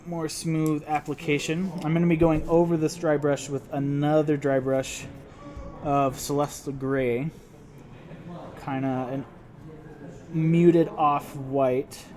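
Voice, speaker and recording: A man's voice: fairly high pitch, little pitch movement, takes it slowly, over music. A man with a Utah accent casually talking through a painting tutorial, laid-back and dropping his T's. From Utah, United States. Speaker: host, miniature painting instructor.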